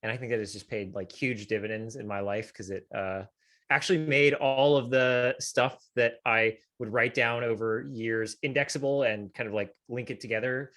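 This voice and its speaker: Guy co-hosting a podcast, rambly and thoughtful, middle pitch. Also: fairly even intonation, moderate pace, a bit bright. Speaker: podcast co-host. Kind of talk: casual chat.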